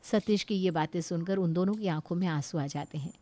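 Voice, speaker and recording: A woman narrating a cartoon story in a calm, even storybook manner. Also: on the low side, fairly quick.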